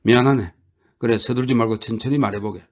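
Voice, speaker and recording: A man voicing an impatient male friend in a storybook reading, sharp and scolding. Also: medium pitch, steady tone, fast, natural voice. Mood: exasperated.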